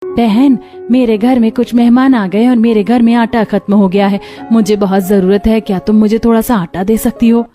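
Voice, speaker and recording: Over faint background music, a female voice actor performs all the women's roles in a Hindi cartoon tale, including mother-in-law, daughter-in-law and neighbors. She speaks at normal speed in a fairly high, steady and warm voice.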